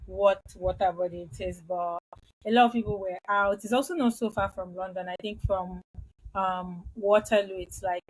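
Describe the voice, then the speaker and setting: A woman's voice: mid-range voice, steady tone, normal speed, breathy edge, low-quality recording. A woman co-hosting a podcast in casual chat, talkative and laughing easily. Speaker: podcast co-host.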